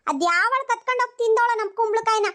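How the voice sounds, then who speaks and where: A performer doing a squeaky, fast-talking nagging village granny. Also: sharp tone. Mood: grumbling. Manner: scolding, grumbling to herself. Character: nagging old village grandmother, scolding and suspicious. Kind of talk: cartoon voice acting.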